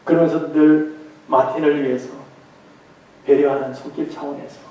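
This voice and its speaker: Preaching in a church sanctuary, this pastor tells a story with emphatic delivery, though some stretches come out softer. His fairly high voice stays fairly flat in pitch and moves at a normal pace. The distant mic catches heavy echo, and the sound is muffled.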